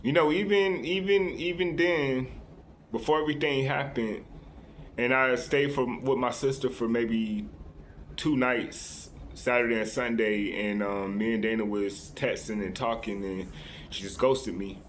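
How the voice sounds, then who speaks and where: A man's voice: medium pitch, steady tone, measured pace, a little hiss or hum. A man talking straight to his viewers in a loose, unscripted monologue, earnest and confiding, often restarting and tagging "right?" onto his sentences. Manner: rambling, many restarts and "right?" tags. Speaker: vlogger addressing his viewers.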